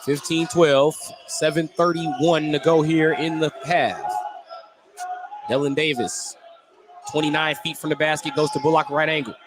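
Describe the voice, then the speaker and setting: A man with a voice on the high side calls live basketball on the radio in short, clipped bursts, keeping a steady tone and a measured pace. He's the play-by-play commentator in an indoor gym mid-game, and the broadcast carries crowd noise and the din of a live sports venue.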